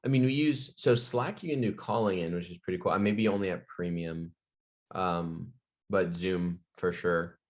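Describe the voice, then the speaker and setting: A man co-hosting a podcast in casual chat, speaking haltingly with many "um" and "like" fillers. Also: low-pitched. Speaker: podcast co-host.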